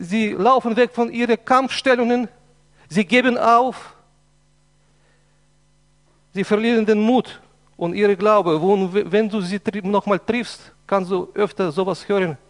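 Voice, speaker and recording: A man with a high voice preaches a fervent sermon, stressing and repeating his points. His German phrasing sounds slightly non-native. A long reverb trails each phrase, as in a church hall. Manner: impassioned, emphatic preaching with repetitions.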